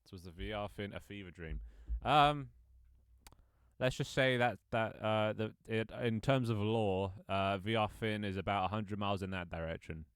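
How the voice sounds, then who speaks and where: This twenty-something man talks casually to viewers while streaming a game he made, reading chat out loud and rambling through frequent ums and false starts. His voice sits fairly low, clear and resonant, at a normal pace, captured in a clean, dry studio recording.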